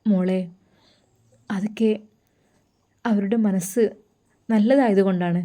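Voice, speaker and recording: Woman voicing a pious older mother, tender, sorrowful, advising, warm mellow tone, storybook. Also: mid-range voice, fairly even intonation, slow, close to an everyday voice. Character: tearful, loving older mother-in-law, pious.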